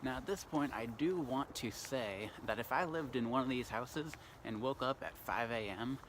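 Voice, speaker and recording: A young man talks cheerfully into a phone on a selfie stick while walking outside, his bright voice a little slurred from the cold. Faint traffic and street noise sit behind him. He is relaxed and chatty and laughs at himself. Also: mid-range voice, moderate pace. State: cold face, slightly slurred speech. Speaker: vlogger. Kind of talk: casual self-filmed vlog narration. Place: outdoors on city streets.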